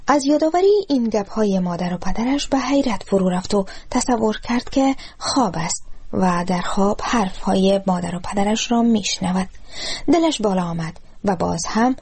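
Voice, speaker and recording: A woman reading a literary short story aloud in a steady, measured way. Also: mid-range voice, slightly rough. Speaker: narrator.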